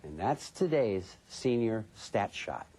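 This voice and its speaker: A man's voice: fairly low pitch, sing-song, takes it slowly, mellow, breathy edge. A man presenting a television program as host, reading from a script.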